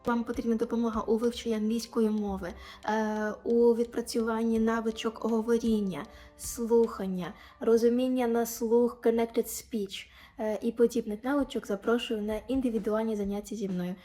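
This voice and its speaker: A woman with a Ukrainian accent teaching English pronunciation, saying example sounds slowly and clearly, with faint music behind. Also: on the high side, level tone, mellow. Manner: clear, demonstrative, over-articulating example sounds. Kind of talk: pronunciation lesson.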